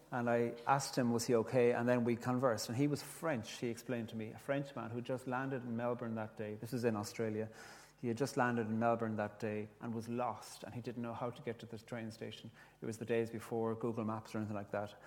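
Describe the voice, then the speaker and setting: An Irish-accented man whose first language is Irish gently tells a reflective story, restarting at times, and reads his own poetry. His voice is mid-range, and the sound carries a long reverb tail.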